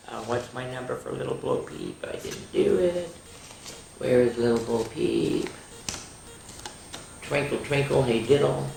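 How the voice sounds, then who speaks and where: An older woman hosting children's story time reads nursery rhymes aloud in an extremely low, gravelly voice, drawing the words out in a sing-song way. She breaks off for chatty asides and speaks directly to her young listeners. The room echoes, with slight background noise.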